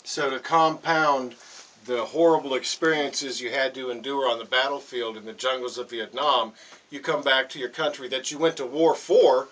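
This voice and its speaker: A man with a medium-pitched voice hosts a radio interview. He speaks in earnest, deliberate phrases as he addresses his guests. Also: fairly even intonation, fairly bright tone, low-quality recording.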